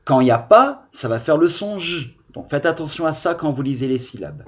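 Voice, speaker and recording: A male primary school teacher, giving a reading lesson on video and sounding out syllables slowly and carefully. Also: on the high side, sing-song. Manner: slow, deliberate, over-articulated syllables. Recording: dull lo-fi sound.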